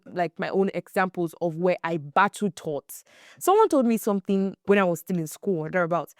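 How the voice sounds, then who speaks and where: A young adult woman hosting a faith-based podcast, telling stories in a casual, animated way and acting out the quotes. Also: fairly low pitch, no room sound, studio quality. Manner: animated storyteller, acts out quotes, emphatic repeats. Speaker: podcast host.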